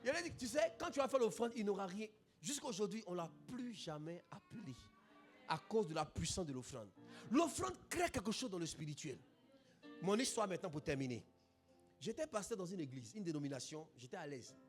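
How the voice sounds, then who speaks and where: A man pastor, preaching a testimony in an animated sermon, bursting into shouts. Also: sits high. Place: church.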